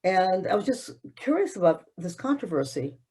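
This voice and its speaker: A woman's voice: fairly low pitch, sing-song, normal speed, a little mellow, slightly rough. A woman with a Chicago accent interviewing a guest, asking rambling, loosely phrased questions. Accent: American, Chicago. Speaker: professor, interviewer.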